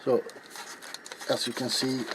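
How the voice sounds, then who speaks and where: This noisy home recording, with obvious background noise, comes from a small, cluttered indoor hobby workshop. There, a middle-aged man with a mid-range voice and level tone takes it slowly while hosting a casual, hands-on ASMR craft tutorial, rambling offhandedly and poking fun at himself as he works.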